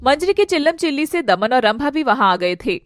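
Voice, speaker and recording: A woman's voice: high-pitched, big pitch swings, a little fast, a little hiss or hum. A woman narrating a dramatic family story expressively.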